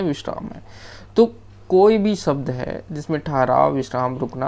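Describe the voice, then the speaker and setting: Gravelly-voiced teacher explaining step by step. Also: medium pitch. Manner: explains step by step, often checks in with "okay"; loose, off-the-cuff delivery with restarts. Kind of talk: screen-shared grammar lesson.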